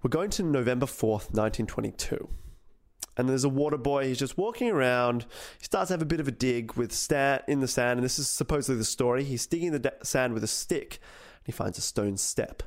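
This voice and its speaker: A man's voice: mid-range voice, a little fast. A man, co-hosting a podcast and casually retelling a history story, acting out quotes along the way. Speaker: podcast co-host.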